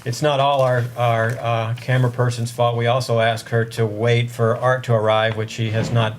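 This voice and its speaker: A man's voice: mid-range voice, flat delivery, moderate pace. A man chairing a board meeting in formal procedural language, speaking up to carry across a meeting room. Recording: noisy meeting room audio with ambience.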